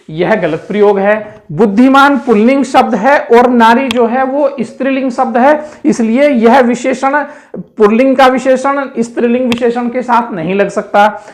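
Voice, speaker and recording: A man teaching a Hindi grammar lesson for exam preparation, explaining slowly and repeating key words as he points things out. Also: very high-pitched.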